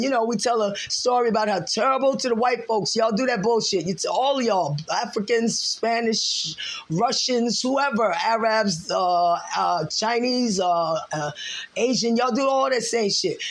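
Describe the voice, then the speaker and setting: American lady going off in a vlog rant, cussing a lot, heated, repeats herself. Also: a little high. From United States. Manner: heated, profane, repetitive, lots of fillers. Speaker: vlogger. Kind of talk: ranting monologue.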